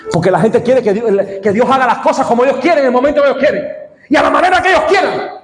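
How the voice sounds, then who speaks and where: A male pastor preaching a sermon with call-and-response, often breaking into shouts. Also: very high voice, quick pace. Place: church sanctuary. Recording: echoey church hall reverb.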